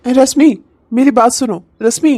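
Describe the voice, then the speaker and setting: A woman voicing a torn young husband who pleads gently in a cartoon comedy. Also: on the high side, normal speed, a little hiss or hum, close to an everyday voice. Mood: pleading.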